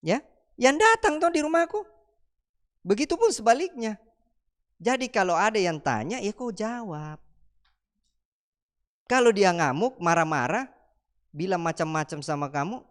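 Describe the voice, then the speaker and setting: A man's voice: high voice, animated, unhurried, long pauses. A man giving a church teaching talk. He laughs often, asks teasing rhetorical questions and acts out little mock dialogues.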